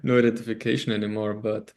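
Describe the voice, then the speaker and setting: Guest: Austrian man with a German accent, gravelly low-mid voice, rambling, laughs a lot, on a video call. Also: little pitch movement, a little mellow. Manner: laughs often, rambling with frequent pauses. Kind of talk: casual interview over video call.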